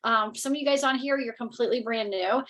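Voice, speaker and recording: A woman's voice: fairly high pitch, quick pace, a bit bright, rough recording. A woman in her thirties from North Carolina with a Southern accent, candidly presenting on a webinar from home over a video call. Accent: Southern American. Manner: candid, blunt, chatty with many fillers. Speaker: network marketing leader.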